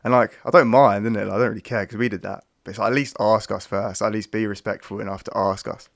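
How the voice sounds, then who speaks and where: A young man with a low, gravelly voice tells a story in laid-back slang, like a mate chatting on a podcast. The recording is dry and close, with no room sound. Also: steady tone, fast, no room sound. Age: young adult. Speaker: podcast co-host. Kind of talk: casual chat.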